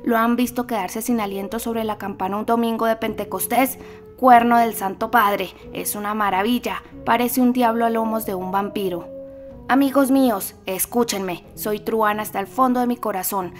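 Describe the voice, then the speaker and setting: A woman voicing a rowdy, boastful young male student rogue in armor for an audiobook, shouting with drunken bravado. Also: on the high side, steady tone, moderate pace, faint music behind, close to an everyday voice. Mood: boisterous.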